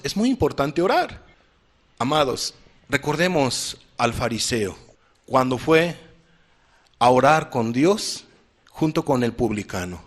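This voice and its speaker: A man's voice: medium pitch, fairly bright tone. A man preaching a sermon, emphatic and repeating his key phrases as he addresses the listeners directly.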